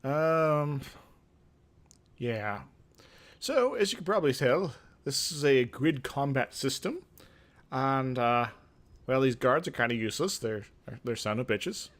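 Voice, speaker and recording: Hosting a gaming video, this man swings from theatrical reading of game text to loose, hesitant rambling. He speaks slowly with frequent pauses, in an expressive, medium-pitched voice that's a bit bright.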